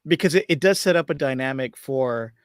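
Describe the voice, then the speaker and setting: A man's voice: medium pitch, a little fast, smooth, no echo. Casual male podcast co-host, dry sound. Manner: relaxed, rambling, peppered with "like" and "kinda". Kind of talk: casual review chat.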